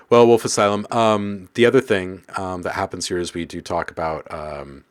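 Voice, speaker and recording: A man hosting a casual live stream, reading viewers' comments aloud and musing on them, then muttering to himself while he edits sounds. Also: low-pitched.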